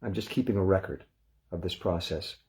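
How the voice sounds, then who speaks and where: Male relaxation guide, very low and mellow voice, calm and unhurried. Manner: calm, unhurried, gently instructive. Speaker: relaxation session leader.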